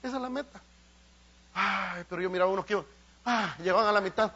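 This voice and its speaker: Male pastor, high-voiced, fervent preacher, muffled church recording. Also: fast talker, pushed and bright, slightly rough. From El Salvador. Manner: impassioned, asks the congregation questions. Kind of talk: sermon.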